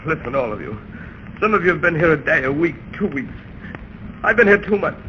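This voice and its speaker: A man's voice: a little high, big pitch swings, brisk. An actor playing a despairing, hysterical chained prisoner in a 1930s radio drama, his voice frantic and strained. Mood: bitter, despairing. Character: despairing, hysterical male captive chained for two months. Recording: noisy, muffled 1930s radio recording.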